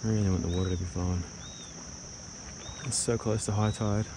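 A man fishing from a kayak, muttering excited commentary to himself and the fish, recorded on an action camera out on the harbour. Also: lowish voice, fairly quick. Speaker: kayak angler filming himself. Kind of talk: casual self-talk vlog. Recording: loud wind and water noise outdoors. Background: loud water and boat noise.

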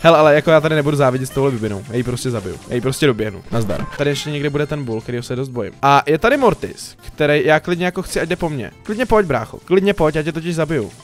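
Gaming host, male, somewhat high voice, chatty and excitable play-by-play with faint music underneath. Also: hardly any pauses. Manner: chatty, excitable, talks straight to viewers. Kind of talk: gameplay commentary. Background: faint background music.

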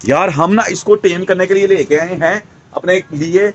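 A young man hosting a casual pet vlog at home, chatting excitedly and coaxing his animals. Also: high voice, moderate pace, lo-fi sound, slight background noise. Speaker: pet vlogger.

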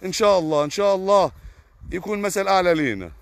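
A man's voice: high-pitched, animated, very fast. A young man with an Egyptian Arabic accent, a farmer on a live stream answering viewers' comments in a heated, indignant way with repeated oaths. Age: young adult.

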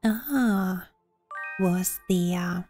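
A woman murmuring gentle ASMR commentary over a video game. She talks very slowly in a slightly low, hushed voice, unhurried and calm. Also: faint music behind. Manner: soft, slow, hushed. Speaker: let's play gamer. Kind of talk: ASMR soft-spoken gaming commentary.

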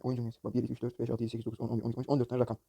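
A man's voice: mid-range voice, monotone, racing, creaky, mellow, breathy edge. A man hosting a gaming channel, commenting on opening loot boxes in a mobile game, exasperated and jokey, often cursing at the game.

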